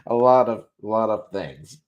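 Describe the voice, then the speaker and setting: A man's voice: lowish voice, moderate pace, highs cut off. A tired man hosting a casual gaming news livestream, joking, laughing often and restarting his sentences. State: tired, yawning. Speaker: podcast host.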